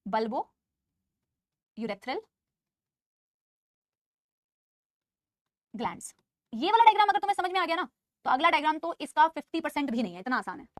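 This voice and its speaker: A woman biology teacher leads a live online class at a rapid clip, her voice pitched high. She mixes English terms into Hindi and keeps addressing students as "beta," scolding them while insisting she is calm. The sound is close and dry. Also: dry recording.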